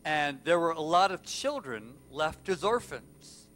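A male pastor preaching a sermon, telling a story with passion and swinging from loud to hushed. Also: on the high side, sing-song, a little slow.

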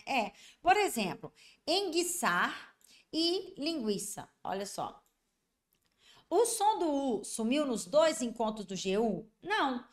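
A Brazilian woman teaching a Portuguese grammar lesson for exam candidates. She keeps checking that students follow and draws out example words slowly. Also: fairly high pitch, a bit bright. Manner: repetitive, constantly checking understanding.

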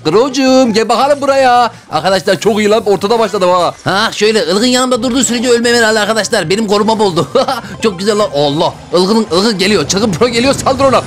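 A man giving loud, excitable, slangy commentary while playing a video game and talking to his viewers. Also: sits high, quick pace, hardly any pauses. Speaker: gaming YouTuber. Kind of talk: excited Let's Play commentary. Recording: faint game music behind.

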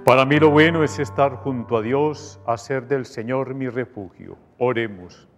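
A middle-aged man, a priest, leading closing prayers and a blessing at Mass and making earnest appeals. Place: small chapel studio at an altar. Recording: chapel reverb with faint rumble.

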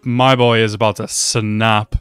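A young man reacting to an anime episode at home, talking excitedly and exclaiming often. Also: fairly low pitch, a little slow, clear, resonant tone, no room sound, faint music behind. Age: young adult. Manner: animated, exclaims and laughs often. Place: small room at home.

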